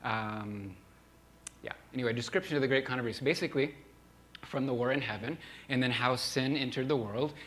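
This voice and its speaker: A man's voice: medium pitch, a bit bright. A male preacher telling a mission story in a sermon, earnest, often restarting with repeated words.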